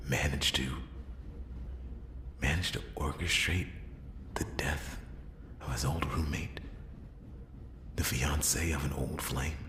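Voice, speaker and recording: Man playing a brooding noir detective, ASMR role-play, heavy gravelly creak, halting dramatic pauses, world-weary, roomy sound. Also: a bit bright, slight background noise, heavily acted. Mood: dawning realization. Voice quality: gravelly, breathy low voice. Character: world-weary male noir detective piecing together a murder.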